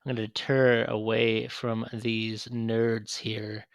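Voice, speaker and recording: A man's voice: on the low side, level tone, takes it slowly, no echo. A man co-hosting a podcast, rambling in casual chat with many restarts and fillers. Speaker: podcast co-host.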